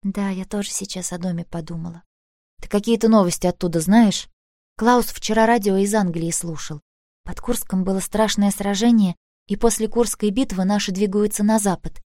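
A woman's voice: medium pitch, warm tone, dry recording, studio quality, lightly acted. A woman voicing a sensitive, earnest teenage girl who pleads and argues indignantly in an audiobook. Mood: wistful.

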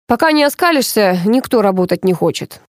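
A woman's voice: medium pitch, lively intonation, a little fast, no echo, clean studio sound, natural voice. A woman reading an audiobook and voicing a brusque, impatient male director who barks orders at his crew. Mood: barking.

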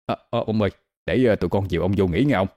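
A man's voice: low voice, racing, dark tone, lightly acted. A man voicing a nervous, deferential servant who hurries and hesitates with fillers in a Vietnamese audio story. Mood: flustered.

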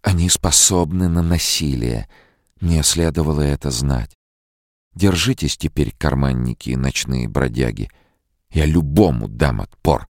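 A man with a very deep, gravelly voice reading the lines of a frightened, tearful young woman in an audiobook, raised well above his own pitch. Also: unhurried, darkish tone, no echo, studio quality, full character voice. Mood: feverish. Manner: tearful, rambling, drugged near the end. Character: frightened young woman, fragile, near hysteria.

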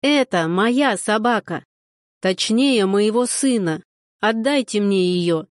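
Женщина-чтец озвучивает грубоватого деревенского мужика, говорит медленно и с нажимом, будто рычит. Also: female voice, medium pitch, lively intonation, slow pace, dry recording, studio quality. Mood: gruff. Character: gruff rural man, grumpy and blunt.

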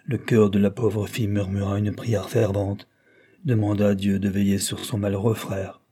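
A man reads a classic novel aloud at a steady, measured pace. His voice sits low and mellow, with a slightly husky edge. The delivery is calm and literary. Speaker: audiobook narrator. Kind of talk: scripted narration.

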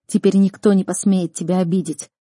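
A woman's voice: fairly low pitch, level tone, a little fast, warm tone, no echo, studio quality, close to an everyday voice. A woman voicing an emotional young man desperate to save his sister, talking urgently. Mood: tender.

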